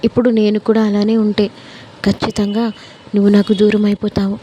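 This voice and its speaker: A woman's voice: mid-range voice, monotone, brisk, mellow, a little hiss or hum, close to an everyday voice. A woman voicing a young man pleading with the woman he loves, earnest and insistent.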